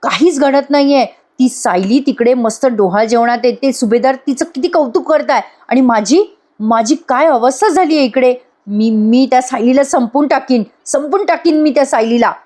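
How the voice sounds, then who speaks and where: A woman's voice: moderate pace, darkish tone, lightly acted. A woman voicing an angry, scheming young woman in jail who rants bitter threats. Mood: ranting vengeful. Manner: shrill ranting, bitter threats.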